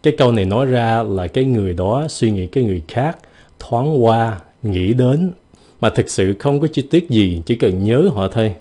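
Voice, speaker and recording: A man giving a casual video lesson on pronunciation, repeating example words slowly and exaggerating the sounds. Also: mid-range voice, expressive, warm tone. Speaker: English pronunciation teacher.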